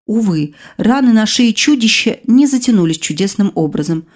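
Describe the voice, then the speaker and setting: A woman narrating a first-person fantasy audiobook in an expressive reading style, voicing the heroine's outbursts with sharp jumps in pitch. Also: moderate pace.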